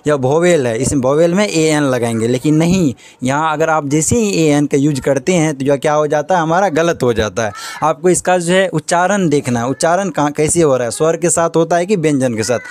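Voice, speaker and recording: A man's voice: fairly high pitch, moderate pace, few pauses, darkish tone. A male teacher giving a grammar lesson, asking questions and answering them himself again and again.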